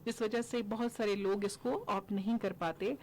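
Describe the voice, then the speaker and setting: A woman's voice: medium pitch, fairly even intonation, darkish tone, a little hiss or hum. A young woman from Pakistan hosting a radio studio interview, articulate and summarizing, with frequent affirmations. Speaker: radio host.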